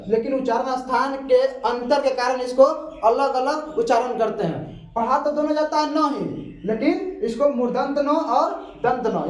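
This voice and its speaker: A man teaching a grammar lesson, patiently repeating points and asking questions he then answers himself. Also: extremely high pitch. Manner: repetitive, patient explaining. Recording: echoey room, far from the mic.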